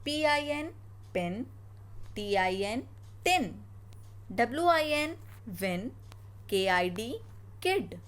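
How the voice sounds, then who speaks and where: An Indian-accented woman teaches phonics to young children. She speaks very slowly and draws out every letter sound. Her voice is a little high and rises and falls a great deal. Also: lively intonation. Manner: slow, drawn-out sounding of letters and words.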